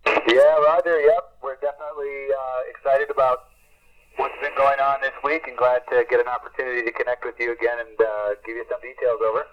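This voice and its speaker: A man speaks over a walkie-talkie, so his voice comes through a muffled, lo-fi radio link. His pitch sits in the middle range. He gives a calm, earnest report, pausing often with "uh" and closing each turn with "over". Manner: earnest, unhurried, with many "uh" fillers. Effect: heard over a walkie-talkie radio link. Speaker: missionary reporting from the field. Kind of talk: two-way radio report, ending turns with "over". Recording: dull lo-fi radio transmission.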